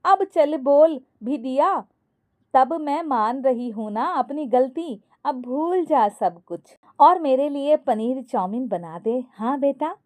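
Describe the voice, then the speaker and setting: Storyteller doing a fussy old mother-in-law, wheedling and snappish, high pitch, warm tone. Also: steady tone, a little slow. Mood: irritable. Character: scheming older mother-in-law, fussy about food.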